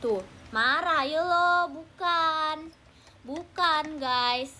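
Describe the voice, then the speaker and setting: Teen girl livestream host, high pitched, playful teasing chatter with fans. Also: very slow, sharp tone, slight background noise. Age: teens. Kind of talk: casual livestream chat with viewers. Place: at home at night, keeping voice down.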